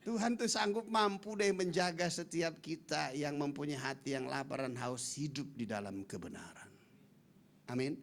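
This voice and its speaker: Male pastor, comic sermon delivery with acted-out voices, raised pitch, gravelly texture. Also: normal speed. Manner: acts out quoted voices, playful asides to congregation. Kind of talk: lively humorous sermon. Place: large church hall.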